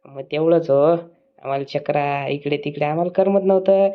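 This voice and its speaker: A woman's voice: deep voice, moderate pace, narrow, tinny audio, natural voice. A woman voicing a sly, wheedling village schoolboy in a cartoon. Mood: sly teasing. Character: Pappya, sly village schoolboy, pleading and cheeky.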